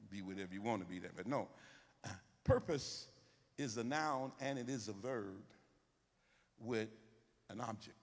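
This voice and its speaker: A man preaching a sermon, animated and repetitive, calling out to the congregation to respond. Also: fairly low pitch, moderate pace, pauses often, long reverb tail.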